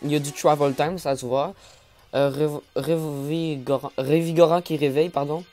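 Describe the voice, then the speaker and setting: Mellow-voiced man stammering through game commentary. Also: on the high side, steady tone, normal speed, faint music behind. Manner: stammers and apologizes often, many fillers. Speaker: gaming YouTuber. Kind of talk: casual gameplay commentary, reading update notes aloud.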